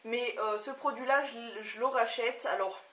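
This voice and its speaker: A woman's voice: fairly high pitch, normal speed, a bit bright, far from the mic. A young woman reviewing beauty products in a casual vlog, talking hesitantly with lots of filler sounds. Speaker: beauty vlogger. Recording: echoey room, voice off-mic.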